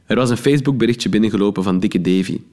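A man's voice: lowish voice, fast, darkish tone. Wry Flemish man reading his column. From Belgium. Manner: wry, ironic storytelling.

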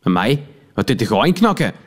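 A man's voice: mid-range voice, very animated, fairly quick, voice pushed up. A man voicing a snobbish, sneering middle-aged woman with a Flemish accent. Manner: sneering, snide, nasal.

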